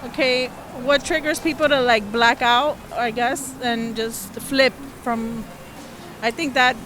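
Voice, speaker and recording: High-voiced woman on a noisy street. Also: fairly even intonation, takes it slowly. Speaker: passer-by interviewee. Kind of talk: hesitant off-the-cuff answer. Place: outdoors on a city street at night. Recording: clear street and traffic noise.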